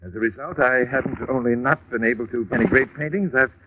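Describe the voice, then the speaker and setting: An actor playing a formal, earnest art patron who talks in a self-important way, in an old radio drama. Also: male voice, mid-range voice, quick pace, natural voice. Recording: tinny old radio recording with faint hiss.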